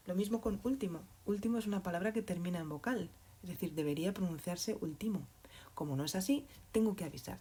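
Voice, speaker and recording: A woman teaching Spanish to learners, speaking slowly and patiently, often checking in with a questioning "mm?". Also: medium pitch, mellow, slightly rough. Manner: slow and deliberate, spells out examples. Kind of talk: explaining grammar to learners.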